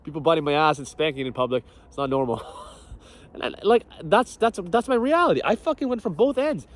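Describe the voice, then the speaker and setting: A man's voice: fairly high pitch, expressive, brisk. A young man, a fitness coach, talking casually and bluntly about training, swearing often and laughing as he tells stories. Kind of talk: casual motivational talk.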